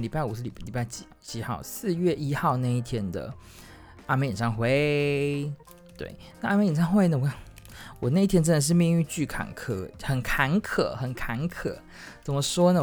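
A man with a Taiwanese Mandarin accent hosts a solo podcast, casually telling stories about his own experiences. He rambles, often correcting himself and starting over, and when he gets worked up his voice leaps into high, excited exclamations.

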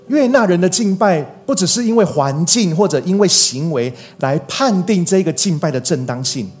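High-voiced male pastor preaching earnestly. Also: darkish tone. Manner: earnest, repeats key phrases for emphasis. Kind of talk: sermon.

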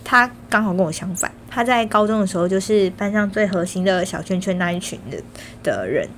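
A young woman speaks Taiwanese Mandarin at a middling pitch, in a casual, chatty storytelling style. Her consonants are a little muddled, as she talks with braces on. Some steady noise sits clearly behind her voice. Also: brisk. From Kaohsiung, Taiwan. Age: young adult. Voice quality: slightly slurred articulation from braces. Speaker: vlogger.

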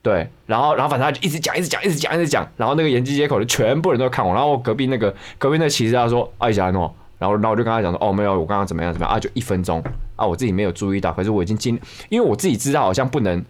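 A man's voice: mid-range voice, expressive, racing, hardly any pauses. A young man with a Taiwanese Mandarin accent telling a story in a casual podcast chat, rambling with many restarts and repeated words. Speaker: podcast co-host.

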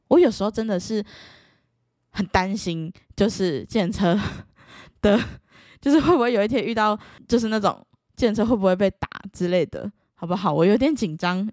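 This young Taiwanese Mandarin-accented vlogger addresses the camera casually, clearly exasperated. She animates her stories by acting out quoted back-and-forth, her pitch jumping all over, and the sound is dry and close with no room sound.

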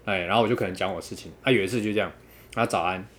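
A man telling a dating story in casual chat, quoting others with animated, laughing delivery. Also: fairly low pitch, very fast.

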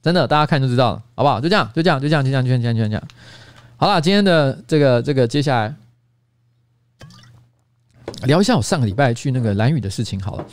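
A man's voice: medium pitch, lively intonation, very fast, pauses often, dry recording. A man in his forties with a Taiwanese Mandarin accent, hosting a casual livestream chat and rambling with many restarts and repeats. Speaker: podcast host. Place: office studio.

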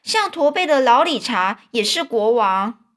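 A woman reading aloud as an eager, boastful storybook boy full of big plans. The voice is fairly high and bright with excitement, with a lilt. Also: measured pace.

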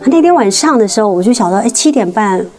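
A woman tells her faith testimony in an earnest, halting way, restarting and repeating words and climbing higher when the story gets tense. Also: expressive, darkish tone, faint music behind. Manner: rises sharply in pitch at tense moments. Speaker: guest sharing a faith testimony. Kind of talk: emotional personal storytelling.

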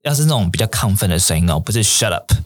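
Man, low voice that swings widely, English teacher explaining phrases, dry close mic. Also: rapid-fire, no room sound, soft background music. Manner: animated, mixes English phrases into Mandarin. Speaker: English teacher and podcast host.

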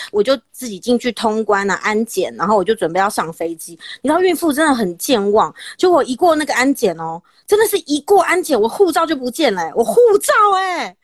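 Animated Taiwanese woman telling a story. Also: on the high side, dry recording, clean studio sound. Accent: Taiwanese Mandarin. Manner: dramatic, animated storytelling with laughs. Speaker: podcast host. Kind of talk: casual chat, storytelling.

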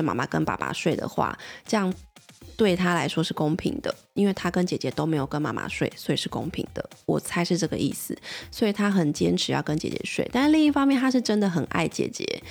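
A woman's voice: on the low side, creaky. A woman, a mother chattily telling a parenting story and asking the listener questions. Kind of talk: casual personal storytelling.

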